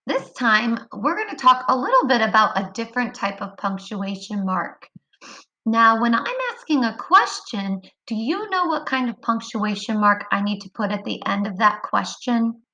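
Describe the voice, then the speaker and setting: A woman teaching a kindergarten phonics lesson online, speaking clearly and encouragingly to young children. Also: fairly high pitch, expressive, moderate pace, bright, forceful tone, rough recording.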